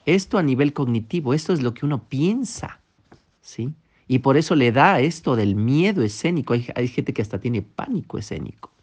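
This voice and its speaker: A man's voice: mid-range voice, expressive, moderate pace, darkish tone, slightly rough. A man teaching public speaking, earnest and direct, often checking in with the listener. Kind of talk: instructional talk. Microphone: microphone.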